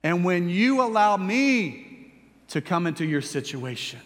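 A male pastor preaching a sermon, telling a story with animated delivery and acting out quoted lines. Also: high-pitched, a little slow, big-room sound.

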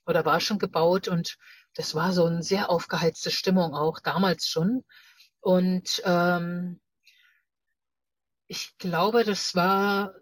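A middle-aged or older German woman, a journalist and activist, appears as an interview guest recounting her personal experiences. She speaks reflectively and haltingly, searching for words, in a lowish voice with no echo.

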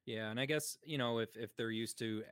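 A man's voice: medium pitch, fairly quick, a bit bright, smooth, dry recording. A man co-hosting a paranormal podcast in casual chat, rambling with fillers and jokes. His voice sits in a middle range and is recorded close and dry. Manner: chatty, joking, with frequent fillers. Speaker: podcast co-host.

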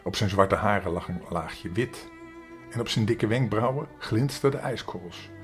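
An older man telling a storybook tale to young children, gentle and expressive, speaking to them directly. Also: fairly low pitch, normal speed, faint music behind.

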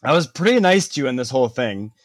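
A man's voice: mid-range voice, big pitch swings, fast talker, no room sound, studio quality. A man co-hosting a casual podcast chat, telling a story animatedly with lots of swearing and "like" fillers. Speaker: podcast co-host.

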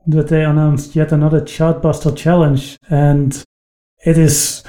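A man's voice: fairly high pitch, flat delivery, a little slow, mellow. A man co-hosting a casual tech podcast with a dry, teasing manner. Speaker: podcast co-host. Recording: roomy echo.

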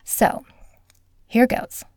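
A woman's voice: extremely slow, darkish tone, no echo, studio quality. A woman hosting a podcast, chatting casually about a book she read, with lots of "you know" and "like" fillers and the odd whispered aside. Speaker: podcast host, author and audiobook narrator. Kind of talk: casual book review chat.

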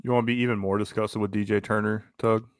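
Low-pitched man in casual sports chat. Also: level tone, fast talker, no room sound, studio quality. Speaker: sports show panelist.

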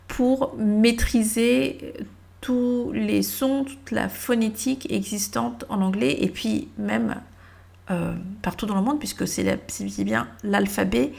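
A woman's voice: mid-range voice, vocal fry. A woman who speaks natively, giving a casual spoken lesson on English pronunciation, thinking aloud and spelling words out letter by letter. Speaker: English teacher.

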